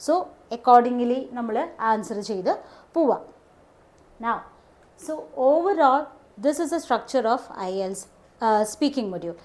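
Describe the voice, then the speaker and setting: A woman tutor with a Malayali English accent leads a classroom-style lesson in a fairly high voice. She spells out each English point slowly and deliberately, then rattles off the explanation in Malayalam, marking every step with "okay". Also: lively intonation, darkish tone.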